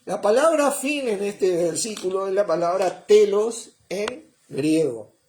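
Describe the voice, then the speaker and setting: A man preaches a sermon at an unhurried pace, explaining each point step by step. His voice moves widely up and down in pitch, and he keeps checking in with his listeners with a short "¿eh?" or "¿mm?". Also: animated, darkish tone. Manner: slow and explanatory, often checking with "¿eh?" and "¿mm?".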